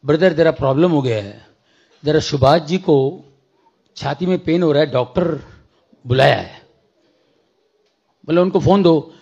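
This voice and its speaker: A man's voice: fairly high pitch, unhurried, creaky, pauses often, slightly rough, lo-fi sound. A man preaching a testimony in church, telling a story with acted-out dialogue, mixing in English phrases. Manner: storytelling, acts out dialogue, bursts into shouting prayer. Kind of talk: sermon testimony.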